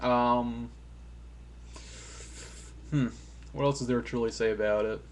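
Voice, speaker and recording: Male vlogger reviewing an old game off the cuff; loose, self-deprecating, filler-heavy delivery, average pitch. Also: steady tone, unhurried, a little mellow, slight background noise. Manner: swears casually. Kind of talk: casual rambling game review.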